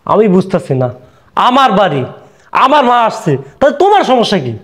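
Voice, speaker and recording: A man playing a meek young husband who pleads and tries to calm his wife in a skit. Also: very high-pitched, brisk, full character voice. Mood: pleading. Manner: pleading, placating.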